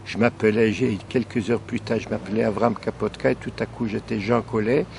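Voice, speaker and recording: An older man, born in Belgium, gives halting testimony about his wartime childhood. His voice sits low and gravelly. A faint hum runs underneath. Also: fairly even intonation, a little mellow. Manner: hesitant, searching for words. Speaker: interviewee, former hidden child. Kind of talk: recalled testimony.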